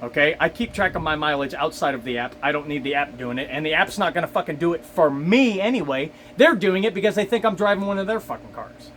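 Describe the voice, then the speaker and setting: A man's voice: on the high side, lively intonation, fast, few pauses, fairly bright tone, slight background noise. A man, a delivery driver, talking to camera in a casual, exasperated, profanity-heavy rant. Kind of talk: casual ranting monologue.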